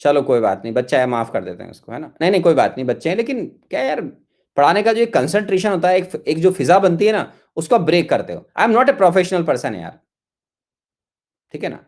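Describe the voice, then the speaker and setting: Exasperated Indian chemistry teacher scolding students. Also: male voice, a little high, big pitch swings, a little fast. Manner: scolding, exasperated, repeats insults. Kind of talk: live online class, scolding students over chat.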